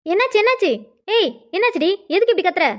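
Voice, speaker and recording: A woman's voice: very high-pitched, animated, fast, highs cut off. A woman voicing an impatient mother scolding her grown daughter to go to sleep in a cartoon. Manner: soothing yet scolding.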